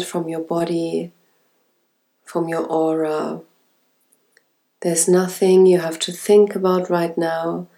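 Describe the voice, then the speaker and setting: Woman, intimate ASMR relaxation host. Very unhurried, soft and soothing, with some creak in an even, lowish voice. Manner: slow, soft, sensual, soothing delivery with breathy whispered words.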